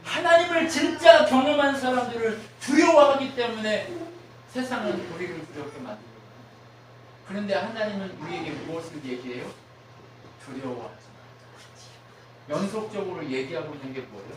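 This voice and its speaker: A man preaches with a high, lively voice, quizzing the congregation and acting out the words of people he quotes. The sound is distant, and it echoes heavily around a church hall. Steady noise sits underneath. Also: fairly quick. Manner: asks the congregation frequent questions, acts out quoted voices. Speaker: pastor. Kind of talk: sermon. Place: church sanctuary.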